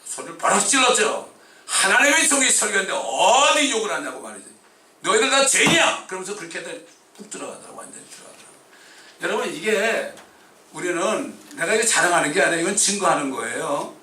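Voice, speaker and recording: A male pastor preaching a sermon in a fervent style, breaking into sudden shouts. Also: sits high, sing-song, fairly quick. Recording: echoey church hall, distant mic.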